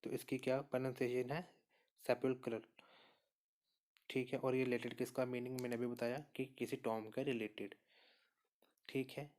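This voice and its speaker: Male teacher, mid-pitched, steady and patient, talks through each answer and repeats the key points. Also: brisk. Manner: steady explainer, repeats answers and says "okay" often. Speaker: exam prep teacher. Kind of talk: spoken lesson walking through quiz answers.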